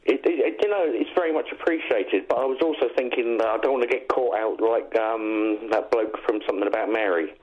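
Male caller, phone line, muffled lo-fi sound, halting speech. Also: on the low side, a little mellow. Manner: halting, stammering. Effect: heard over a phone line.

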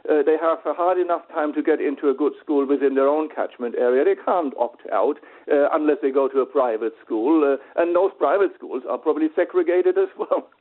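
A man calling into a radio show as a guest, speaking in a measured, hesitant way with many pauses. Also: fairly high pitch. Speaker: phone-in guest, party spokesman. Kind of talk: radio interview over the phone. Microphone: telephone. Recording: tinny phone line.

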